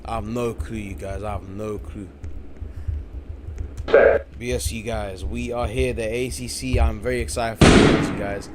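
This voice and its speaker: Heavy background noise surrounds this lowish male voice, which moves at a moderate pace with fairly even intonation and long pauses. Calling a late-night live-streamed game event from home in the UK, he is tired yet hyped, repetitive, and constantly says "you guys."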